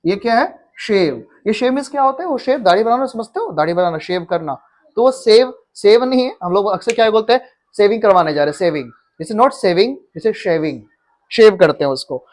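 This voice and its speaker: A man's voice: high voice, lively intonation, fairly quick, darkish tone. A man, teaching a pronunciation class and often quizzing his students. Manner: repeats words and quizzes students. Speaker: English teacher. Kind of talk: classroom lesson.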